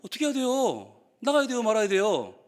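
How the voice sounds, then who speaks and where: A man's voice: high-pitched, wildly swooping pitch, fairly quick. A male pastor preaching to teachers, telling stories animatedly and acting out the quotes. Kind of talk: sermon to teachers. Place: church sanctuary. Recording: reverberant church hall.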